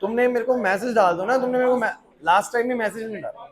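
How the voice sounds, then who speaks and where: High-voiced man quizzing a class. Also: crowd noise. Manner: drills students with quick questions and answers them himself; mixes English technical terms into his talk. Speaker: physics tutor. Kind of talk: classroom lecture. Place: classroom with students.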